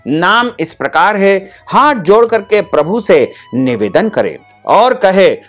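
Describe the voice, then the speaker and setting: A man's voice: high voice, sing-song, slow pace, a bit bright, soft background music. A man as a spiritual teacher giving a devotional discourse, repeating phrases in a rhythmic, listing cadence. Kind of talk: devotional discourse with mantra chanting.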